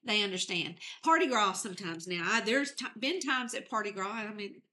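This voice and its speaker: A woman in her sixties who heads an entertainment company appears as a podcast guest, chatting candidly in a casual interview and laughing often. Her medium-pitched voice is animated, brisk, bright and forceful, with slight noise in the background.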